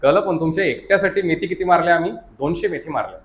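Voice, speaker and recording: With a crowd audible behind him, this fast-talking science teacher with a slightly high voice lectures his class at a coaching academy. He has a Marathi accent, weaves English terms into his explanations, and keeps checking that students understand.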